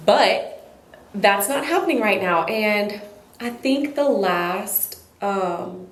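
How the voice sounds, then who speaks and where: A young married woman, a podcast guest talking in a halting, reflective way. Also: mid-range voice, expressive, echoey room. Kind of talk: casual chat.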